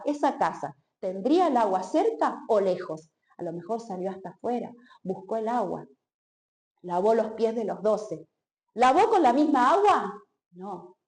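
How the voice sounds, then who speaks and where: Woman preacher, expressive, repeats for emphasis; echoey church hall. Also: mid-range voice. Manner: expressive, acts out quotes, repeats phrases for emphasis. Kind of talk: sermon.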